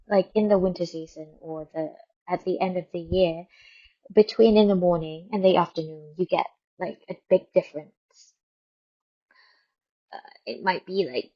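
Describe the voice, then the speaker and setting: With a lowish voice captured in dull audio, a radio host from Thailand gives an informal, meandering news update. She often repeats words to stress a point.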